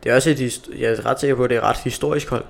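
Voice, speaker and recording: A man's voice: mid-range voice, steady tone, gravelly. A man chatting casually as he gives football predictions. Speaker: co-host giving football predictions. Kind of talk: casual chat.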